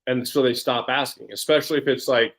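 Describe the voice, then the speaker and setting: A man's voice: medium pitch, fairly even intonation, brisk, a bit bright. A man in his forties, a personal development coach, talking in a casual interview with energy and frequent restarts and repeated words. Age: 40s. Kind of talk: casual podcast interview chat.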